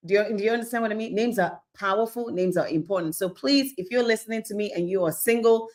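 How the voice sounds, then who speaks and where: Speaking quickly in a mid-range voice, this Nigerian woman gives an animated, sermon-like Bible lesson. Rhetorical questions and small acted-out scenes fill her talk, and she often pauses to ask "okay?".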